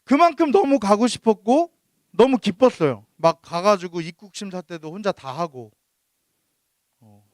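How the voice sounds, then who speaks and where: A man's voice: high voice, lively intonation, moderate pace, a little mellow, no room sound, clean studio sound. A youth pastor in his thirties giving a sermon. He tells a personal story and often turns to ask the teenagers questions.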